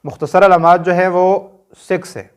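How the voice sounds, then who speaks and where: A man's voice: sits high, fairly even intonation, moderate pace, clear, resonant tone. A man with a Pakistani Urdu accent teaching Quran reading in a recorded lesson, patiently drilling short sounds one by one and checking that learners follow.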